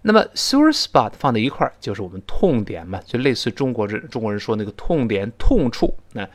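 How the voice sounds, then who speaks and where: A man teaching English in a recorded lesson, explaining at length with many "this, this" fillers and reading examples slowly and carefully. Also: medium pitch, big pitch swings.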